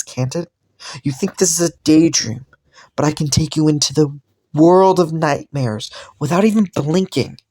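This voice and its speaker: A man's voice: a little high, no room sound, studio quality, natural voice. A man voicing a seductive, possessive magical stranger who is cruel and teasing in an audio role-play. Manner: slow, seductive, teasing, quietly menacing.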